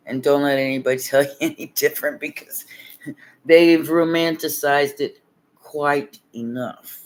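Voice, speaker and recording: A man's voice: fairly high pitch, fairly even intonation, unhurried. A man giving a casual livestream tarot reading, laid-back and chuckling as he rambles, sounding tired with his voice nearly worn out. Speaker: tarot reader.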